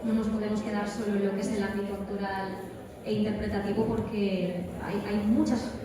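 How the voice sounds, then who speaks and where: Speaking on a live panel in a big, echoey convention hall, a voice actress from Spain shares anecdotes and advice, stressing points by repeating words. Her mid-range voice is flat in delivery and a little fast. The distant mic picks up echo and crowd chatter.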